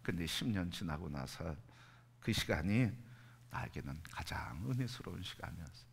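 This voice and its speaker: A middle-aged man preaching a sermon as pastor. He asks the congregation questions and answers them, and he swells from quiet near-whispers to loud, emphatic peaks. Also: low-pitched, lively intonation, normal speed, gravelly, breathy edge.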